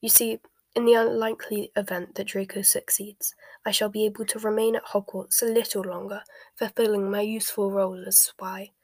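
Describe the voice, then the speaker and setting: Casting: woman narrator playing grave, curt man, a spy, measured and emotionally closed, slightly husky, storybook. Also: no room sound. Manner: flat, low, measured. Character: cold, controlled male spy, grave and curt.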